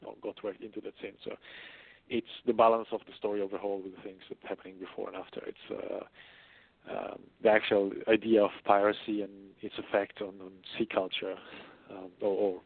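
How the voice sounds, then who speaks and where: A man with a low, gravelly voice explains his ideas with thought and frequent pauses. He sounds like a guest author in a casual interview. The recording is tinny and phone-like. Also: flat delivery, no echo. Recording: dry, phone-like line.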